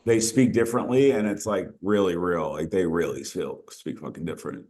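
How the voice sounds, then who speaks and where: A young man with a somewhat low voice who teases his co-host in a wry, easygoing way. He swears casually while he chats about films and places. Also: brisk, darkish tone. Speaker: podcast co-host. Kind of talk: casual profane chat. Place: outdoors.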